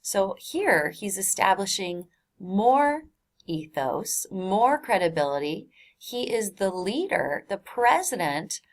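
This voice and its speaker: A woman's voice: medium pitch, big pitch swings, takes it slowly. A woman teacher explaining a text in a recorded online lesson, in a casual, chatty way with many fillers.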